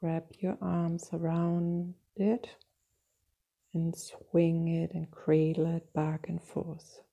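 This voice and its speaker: A woman guiding a meditation in a slow, soft and soothing manner, with long pauses. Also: on the low side, monotone, creaky, slightly rough. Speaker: meditation guide. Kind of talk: guided meditation.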